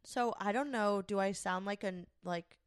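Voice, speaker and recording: A woman's voice: mid-range voice, unhurried, clean tone, no echo, studio quality. A young adult woman co-hosting a podcast, chatting casually, swearing and laughing often. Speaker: podcast co-host. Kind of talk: casual chat.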